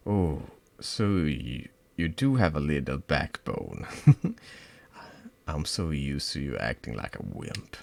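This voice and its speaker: This is a spiteful teenage girl who turns on her friend in a role-playing game, put on by a man. She mocks and threatens in a cold, unhurried way. The voice sits extremely low and rough, with lively swings in pitch. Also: no room sound, heavily acted. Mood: menacing. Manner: taunting, cold and menacing.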